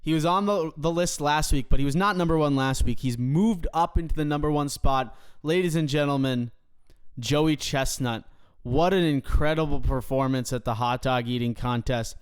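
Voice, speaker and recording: A man hosting a sports podcast, talking with mock-grand, deadpan bravado. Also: a little high, brisk, few pauses, clean tone. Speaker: podcast host. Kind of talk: casual sports podcast banter.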